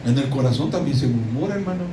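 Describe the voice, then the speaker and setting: This middle-aged pastor with a Mexican accent preaches emphatically, often repeating words and restarting. His mid-range voice is expressive and quick. The mic sits far off in a roomy, echoing space, with audible ambience and some background noise.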